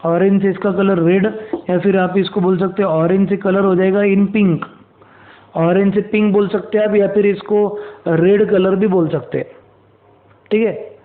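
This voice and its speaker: A high-voiced man lecturing students on chemistry. He repeats key terms, spells words out and asks rhetorical questions as he goes. The sound is thin and tinny, like a phone line. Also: flat delivery, normal speed. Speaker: chemistry teacher. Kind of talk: classroom lecture.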